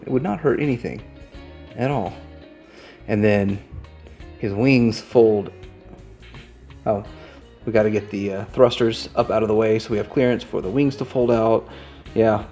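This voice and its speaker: A man with a lowish, darkish voice presents an unscripted product review with music behind him. He rambles in an easygoing way, thinking aloud as he handles the items.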